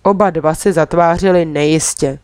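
A woman's voice: sits low, fairly even intonation, a little mellow, clear, resonant tone, no room sound. Woman reading a children's story, dry sound. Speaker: audiobook reader. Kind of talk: storybook narration in first person.

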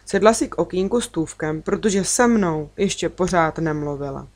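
A woman narrating a children's story gently, lifting her voice for the children's lines. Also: fairly low pitch. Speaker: audiobook reader.

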